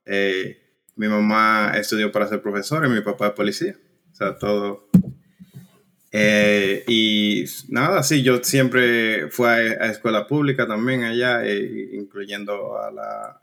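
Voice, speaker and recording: A man's voice: lowish voice, a bit bright. A Dominican man in his thirties, a guest chatting casually about his life and work, with many restarts and fillers. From Dominican Republic. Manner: conversational, frequent restarts and fillers. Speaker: guest, cloud engineer. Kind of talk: casual interview chat.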